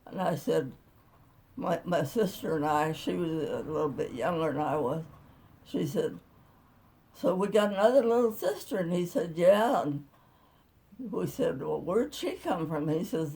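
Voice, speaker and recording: A woman's voice: low voice, a little slow, creaky, darkish tone, husky, rough recording. A woman over a hundred years old telling stories from her past in a casual, rambling, folksy and plain-spoken way. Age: over 100. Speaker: interviewee recalling childhood. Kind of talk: casual oral storytelling.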